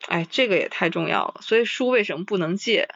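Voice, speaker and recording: A woman in a casual podcast chat about books, reading list items slowly and then commenting with sighing interjections. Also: fairly low pitch, lively intonation, a bit bright, dry recording, dull audio.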